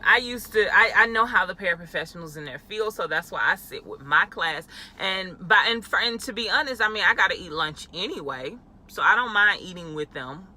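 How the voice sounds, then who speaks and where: In a relaxed talking-head vlog, a young woman who works as an elementary school teacher talks with lots of fillers and laughter. Her pitch is fairly low, and her voice sounds pushed and bright.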